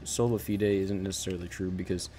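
A man with a very low, dark voice gives loose commentary over a game. He speaks in a flat, even line. He rambles and keeps restarting his sentences. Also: a little hiss or hum. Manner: rambling, halting, self-correcting. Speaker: gaming channel host. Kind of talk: casual gameplay commentary.

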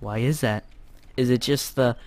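A young American man casually commenting on his gameplay, joking around and sometimes shouting loudly. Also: mid-range voice, steady tone, normal speed, dry recording. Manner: chatty, jokey, bursts into loud shouts. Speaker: gamer.

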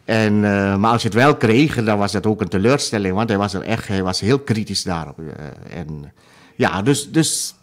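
A man's voice: fairly low pitch, animated, normal speed. A man in his sixties from Suriname, a musician talking in an interview, hesitant with many fillers and restarts. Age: 60s. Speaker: guest musician. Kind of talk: interview conversation.

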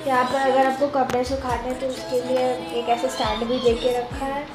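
Young woman, high voice, chatty travel vlogger, upbeat, loud music underneath. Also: flat delivery, brisk. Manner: chatty and upbeat, giving a guided tour. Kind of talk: casual vlog chat, mixing Hindi and English.

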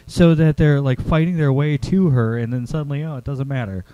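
A man's voice: a little high, fairly quick, highs cut off. A man co-writing a serial story in casual chat, rambling and joking as he thinks aloud.

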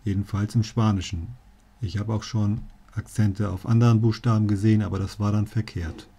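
A man's voice: on the low side, fairly even intonation, brisk, gravelly, dark tone, slightly rough. A male teacher explaining spelling rules to learners, with dry jokey asides. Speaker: language teacher.

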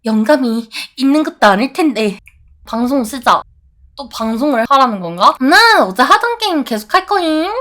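A woman's voice: sits high, lively intonation, moderate pace, a bit bright. A woman streamer playing a horror game, reading lines aloud and swearing and shrieking when startled. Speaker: VTuber streamer. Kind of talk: horror game let's play with reading out dialogue.

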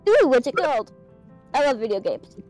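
A woman's voice: high voice, sing-song, moderate pace, a little mellow, soft background music. A woman contestant in a game show, teasing and boastful in playful banter.

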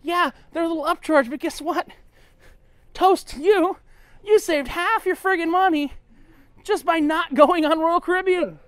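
On a cruise ship, a tipsy man vlogs as he walks, blunt and swearing, ranting and at times sinking into a mutter. His voice is extremely high-pitched and a bit bright, with a measured pace.

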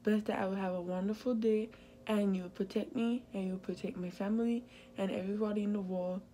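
A woman's voice: medium pitch, steady tone, quick pace, dark tone, slight background noise. A young woman vlogging in a casual, playful way, chatting straight to her viewers as she runs errands. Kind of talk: casual vlog chat to viewers.

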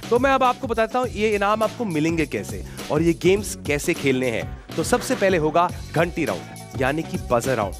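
Male game show host, high and very animated, cracks jokes at contestants. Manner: joking, teasing contestants. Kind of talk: lively game show hosting. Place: TV studio stage.

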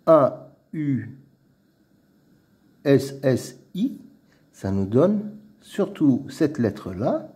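A man teaching early reading, sounding out letters and syllables slowly and repeating each word twice. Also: medium pitch, big pitch swings, dark tone.

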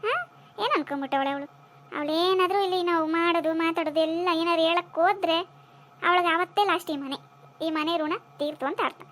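A woman voicing a sharp-tongued mother-in-law who scolds and bosses her daughter-in-law in a cartoon drama. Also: very high voice, fairly quick. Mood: scornful scolding. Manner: scolding, bossy.

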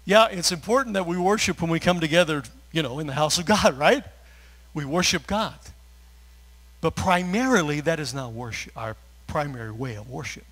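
Emotional man preaching a relaxed sermon. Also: on the high side, moderate pace, rough recording. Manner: conversational preaching with fillers and asides; gets emotional, laughs through his words. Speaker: pastor.

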